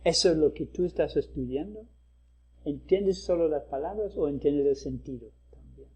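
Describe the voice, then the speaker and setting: A man's voice: a little high, moderate pace, warm tone, husky, lo-fi sound. An ugly dakini spirit woman, told by a man. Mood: probing. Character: hideous female dakini spirit, wise and grieving. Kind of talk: storytelling in a dharma talk.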